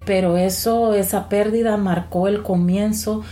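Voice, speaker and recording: A woman, sharing her life story as a guest in an earnest, unhurried way. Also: medium pitch, fairly even intonation, mellow, a little hiss or hum. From El Salvador. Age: 40s. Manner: earnest and unhurried, with devout phrasing. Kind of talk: personal testimony in conversation.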